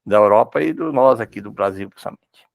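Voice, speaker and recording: A man with a Brazilian accent talking in a religious study group, halting and repeating words as he thinks. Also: lowish voice, expressive, creaky, no echo. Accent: Brazilian Portuguese.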